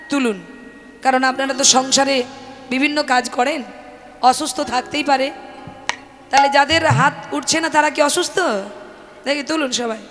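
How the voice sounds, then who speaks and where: High bright-voiced woman preaching kirtan. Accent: Bengali. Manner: addresses the women in the audience as mothers, joking and coaxing. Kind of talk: devotional kirtan sermon with call-and-response chanting. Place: open-air temple courtyard with a crowd. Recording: distant mic with long reverb and music.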